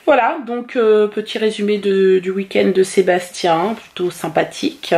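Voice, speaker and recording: Gravelly-voiced woman vlogging casually. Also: mid-range voice, fairly even intonation, normal speed, a little mellow. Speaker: family vlogger and mother. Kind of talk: casual vlog chat.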